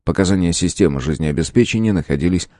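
A man narrating an audiobook in an expressive storytelling manner. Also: sits low, fast talker, dry recording.

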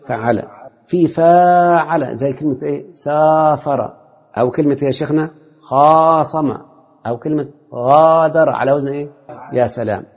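A man's voice: medium pitch, warm tone, slightly rough. A man teaching a classroom lesson in an Egyptian Arabic accent, constantly quizzing his students with short questions. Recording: lo-fi hall recording with long reverb.

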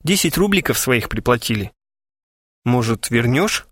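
A man's voice: mid-range voice, lively intonation, unhurried, husky, dry recording, clean studio sound. A man doing a sly, mocking schemer. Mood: teasing. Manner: teasing, sarcastic. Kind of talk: audiobook character voice.

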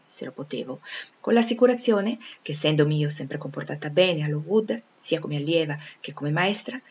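Low, husky woman reading a novel. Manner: measured, even reading. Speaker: audiobook reader. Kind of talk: literary audiobook narration. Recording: dull lo-fi recording.

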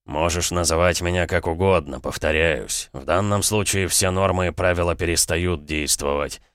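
A man's voice: sits low, smooth, no echo, clean studio sound. A man playing a cold, stubborn count. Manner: flat, cold, unhurried. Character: selfish stubborn nobleman, man, middle-aged. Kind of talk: audiobook character voice.

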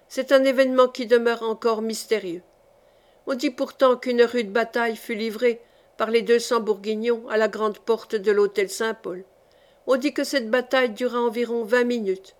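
A woman narrating a historical novel as an audiobook, in a measured, dramatic reading. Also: on the high side.

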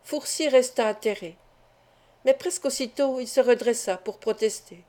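A woman reading a novel aloud at an even, measured pace. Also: a little high. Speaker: audiobook reader. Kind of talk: scripted narration.

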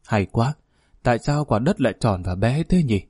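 A dying old police chief recalls his war days in a warm, fatherly way, as a narrator puts him on. His voice is dark and husky, and he never leaves the calm pace of the storybook read. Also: mid-range voice, moderate pace, dry recording, studio quality. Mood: reminiscing. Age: older.

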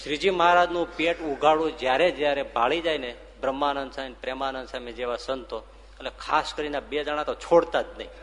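A man's voice: mid-range voice, fast talker, fairly bright tone. A man, a swami giving a storytelling sermon, who acts out the dialogue and laughs as he tells it. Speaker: swami giving a religious discourse. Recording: reverberant hall with faint ambient noise.

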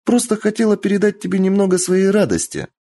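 A man's voice: high-pitched, expressive, fast, vocal fry, warm tone, voice pushed up, exaggerated voice. A man reading a story aloud, voicing a playful, cheeky young female fox spirit with a bubbly, singsong manner. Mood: teasing. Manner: bubbly, singsong, childishly eager.

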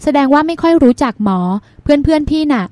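A woman reading as a calm, earnest woman doctor. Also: sits high, no echo, voice pushed up. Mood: reasoning. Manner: measured and reasoning. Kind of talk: audiobook dialogue.

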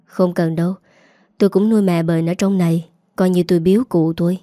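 A woman voicing a generous man in his thirties who speaks calmly and gently. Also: fairly low pitch, fairly quick, no echo, clean studio sound, natural voice. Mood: kind.

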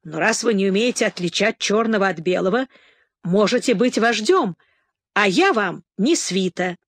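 A woman's voice: medium pitch, animated, normal speed, dry recording, studio quality. A woman reading as a mocking jester. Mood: teasing. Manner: pleading, teasing with proverbs. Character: quick-witted mocking male jester.

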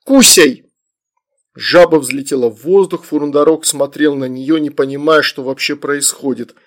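A male narrator reading a comic fantasy story aloud. His voice sits a touch higher than most men's, and he moves between narration and characters with lively reading. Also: moderate pace. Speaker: audiobook narrator.

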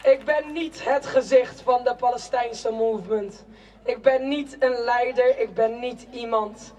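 Slow, declamatory young woman at a rally. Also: on the high side, steady tone, a little hiss or hum. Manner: slow, declamatory, with shouted chants. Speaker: rally speaker. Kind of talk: protest speech, spoken-word poetry. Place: outdoor city square at a demonstration. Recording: distant outdoor rally recording.

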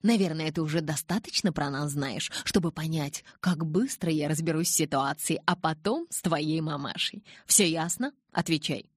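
Woman doing a smooth creepy kidnapper guy, low husky voice, bossy and mocking, audiobook. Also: normal speed, few pauses, dry recording, studio quality. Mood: menacing. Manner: calm, mocking, commanding. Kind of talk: audiobook character voice.

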